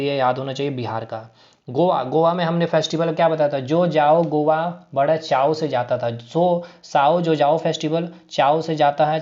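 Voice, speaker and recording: Male exam-prep teacher, chatty and repetitive, slightly high-pitched, muffled low-fi recording. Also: darkish tone. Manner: repeats terms, builds memory tricks, many fillers. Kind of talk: casual exam-prep lesson. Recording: dull lo-fi sound.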